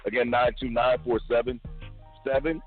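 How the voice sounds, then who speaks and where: A man's voice: medium pitch, level tone, normal speed, slightly rough. A man hosting a talk show, hyped and playful, taking calls and setting up topics. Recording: tinny lo-fi line with faint music.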